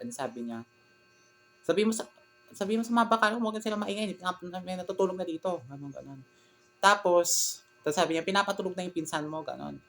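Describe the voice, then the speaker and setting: A man's voice: mid-range voice, fairly bright tone, slight background noise. A man recounting a personal story for his vlog, hesitant and rambling, with many fillers and restarts. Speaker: vlogger.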